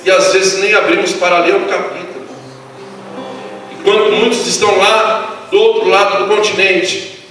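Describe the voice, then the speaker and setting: A male pastor preaches with a high, urgent voice that climbs into shouts. He is recorded from a distance in a church whose long reverb rings around every phrase. Clear music plays underneath. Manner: impassioned, rising to shouts. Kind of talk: sermon. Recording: echoey church hall, mic far off, music behind.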